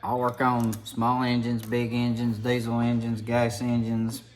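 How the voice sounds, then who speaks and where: A man's voice: medium pitch, completely flat delivery, measured pace. A man with an Appalachian hillbilly accent talks in a folksy, rambling way, like a mechanic giving a casual hands-on video tutorial.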